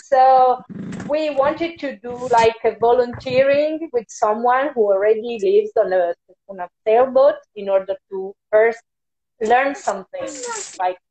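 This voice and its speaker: A woman's voice: on the high side, a little slow, a little mellow, dull audio, slight background noise. A woman in her thirties interviewing in a friendly, casual way. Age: 30s. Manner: friendly, laughs often.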